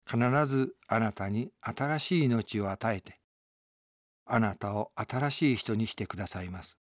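A man's voice: lowish voice, unhurried, no echo. A man, a pastor, delivering an earnest, emphatic radio sermon from a studio.

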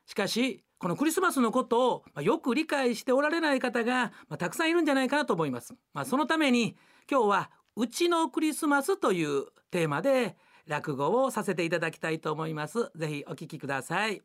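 A woman's voice: a little high, sing-song, brisk, few pauses. A woman introducing and narrating a rakugo piece in a polite, formal way, with filler words. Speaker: storyteller. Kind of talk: rakugo storytelling.

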